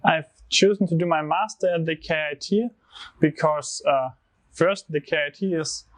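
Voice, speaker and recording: A man's voice: a little high, moderate pace, fairly bright tone. A young man from Germany, a master's student, speaking hesitantly with fillers in an outdoor arcade. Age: young adult. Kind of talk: testimonial interview. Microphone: lapel mic.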